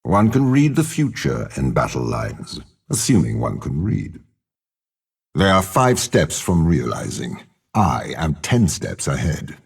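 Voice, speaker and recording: This male actor performs video game voice lines as an older warlord and spymaster, cold and scheming. He uses a bass voice that is gravelly and husky, with a sing-song, heavily acted delivery. The manner is measured, haughty and menacing, the mood cold and calculating.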